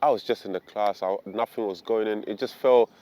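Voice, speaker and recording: A young man from Ghana tells his own story to the camera in a lowish voice. He talks in an earnest, reflective way and leans on casual fillers like "you know.". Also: brisk, mellow. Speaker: vlogger.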